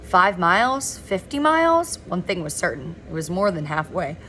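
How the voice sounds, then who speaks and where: A woman reading a novel aloud in a relaxed, informal way, now and then stumbling over words and correcting herself. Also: on the low side, moderate pace, slight background noise. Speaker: reader of a novel. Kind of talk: informal read-aloud narration.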